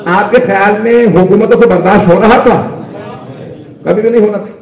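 A male cleric delivering an impassioned religious sermon in a crowded mosque, questioning the congregation directly and building to shouted emphasis. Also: sits high, fairly even intonation, fairly quick. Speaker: Shia cleric preaching at a majlis. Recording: echoey mosque from a distance.

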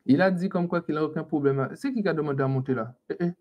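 A man's voice: a little high, very fast, muffled recording. A man hosting a casual live stream, teasing and scolding his viewers and laughing often. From French Antilles.

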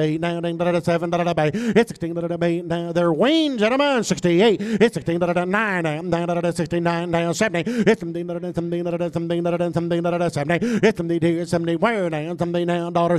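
A man's voice: sits high, smooth. A man calling a cattle auction, rolling filler syllables between bids. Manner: rapid rhythmic filler-word chant. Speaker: livestock auctioneer. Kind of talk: fast auction chant.

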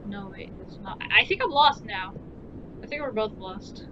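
With an expressive voice at a normal speed, this woman mutters her way through a game in loose let's play commentary as a gaming video host. Her recording sounds muffled, with heavy rumbling in the background.

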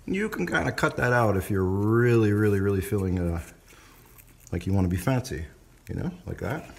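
A man's voice: fairly low pitch, expressive, normal speed. Chatty man cooking in an echoey kitchen. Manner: chatty, playful, talks to camera while chopping. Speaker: cooking show host. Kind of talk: casual cooking vlog. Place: home kitchen, indoors. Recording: echoey kitchen with clear background noise.

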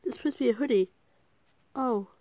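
A woman's voice: a little high, a little fast, mellow, no echo. A woman chatting casually to viewers while she plays a game, giggling often and talking herself through each step. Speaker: gaming video creator. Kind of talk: casual gameplay commentary.

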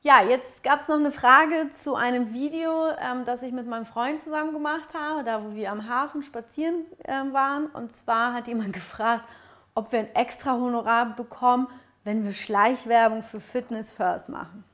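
A woman's voice: a little high, normal speed, sharp tone. A young woman from Ukraine, a fitness vlogger, answering viewer questions in a casual, friendly chat with many fillers, on a lapel mic in a living room. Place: bright living room, on a sofa.

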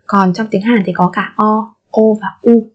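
A woman teaching a language vocabulary lesson, repeating each word slowly several times. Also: medium pitch, fairly even intonation, faint music behind. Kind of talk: vocabulary lesson with repetition drills. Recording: muffled lo-fi recording.

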